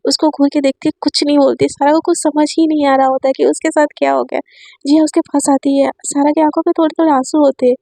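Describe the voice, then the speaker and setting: A chatty woman retelling a story in a casual, rambling way, her high voice mellow in tone. The sound is close and dry, with no room around it. She strings each event onto the next with fillers. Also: flat delivery, quick pace, creaky, no echo.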